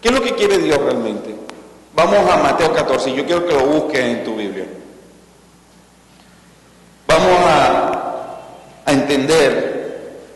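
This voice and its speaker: A fairly high-voiced man preaching from the pulpit. He calls on the congregation to repeat after him and climbs into loud, dramatic peaks as he reads scripture. The sound rings through a large, reverberant church hall. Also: expressive, takes it slowly, pauses often. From Colombia. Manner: preaching with call-and-response prompts to the congregation; dramatic rises in pitch and volume on scripture lines. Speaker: pastor. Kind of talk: sermon.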